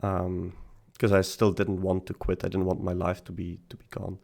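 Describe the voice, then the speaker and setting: A young man talks straight to the camera in a deep, gravelly voice. He speaks unscripted and halting, stumbling over and repeating words, close to tears at times. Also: completely flat delivery, darkish tone. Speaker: vlogger. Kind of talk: unscripted personal confession.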